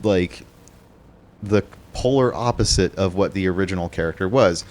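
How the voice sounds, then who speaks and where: A man with a lowish voice co-hosts a podcast and talks movies casually. He rambles and restarts his sentences often, leaning on fillers as he thinks aloud. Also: moderate pace, darkish tone, a little hiss or hum. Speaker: podcast co-host. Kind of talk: casual chat about movies.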